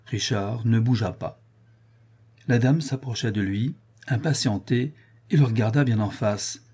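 A man reading a classic story aloud in an even, measured way. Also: medium pitch, husky. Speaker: narrator.

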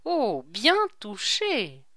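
A woman reading aloud and voicing a sly, quick-witted male court jester with a mocking, theatrical manner. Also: fairly high pitch, big pitch swings, a bit bright, smooth, no echo, studio quality, voice pushed up, full character voice. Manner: mocking, theatrical whispers and mock pleading.

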